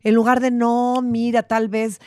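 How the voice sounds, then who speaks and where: A woman's voice: a little high, level tone, measured pace, mellow, no room sound, clean studio sound. A woman hosting a podcast, chatty and jokey, telling anecdotes with quoted dialogue. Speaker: podcast host. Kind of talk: casual chat.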